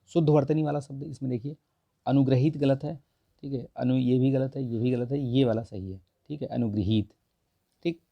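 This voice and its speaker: Hoarse man teaching Hindi grammar. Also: mid-range voice, steady tone, fairly quick, dry recording, dull audio. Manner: repeats "theek hai" constantly, corrects answers with mild humor. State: hoarse, sore throat. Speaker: exam prep teacher. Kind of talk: Hindi grammar lesson, going through a test.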